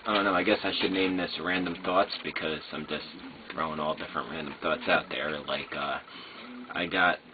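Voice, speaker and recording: A man with an extremely low voice and slurred speech rambles casually, like a vlogger, at a normal speed with fairly even intonation. He sounds hesitant, meandering from thought to thought and trailing off. The audio is noisy, muffled and narrow like a phone, with faint noise behind him.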